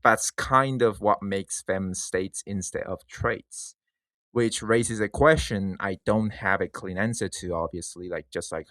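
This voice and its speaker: A man with a low voice talks through his thoughts in an informal video monologue. The sound is dry and close, and his phrasing is halting, often restarting as he thinks aloud. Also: a bit bright, no room sound. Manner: hesitant, halting phrasing with repeated false starts. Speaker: video essay creator. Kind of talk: informal reflective monologue to listeners.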